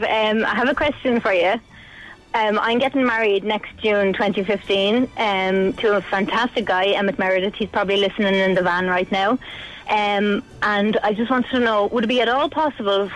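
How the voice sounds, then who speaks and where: A young Irish woman calling in to a radio show, eager and pausing with frequent ums. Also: mid-range voice, low-quality recording. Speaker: caller. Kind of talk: radio phone-in.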